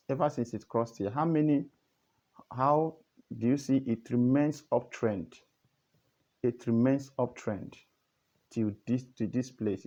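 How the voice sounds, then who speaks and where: A man with a dark, mid-range voice teaches a trading method in a casual, earnest tutorial, heard through dull audio. He repeats himself a lot and coaxes the listener with questions.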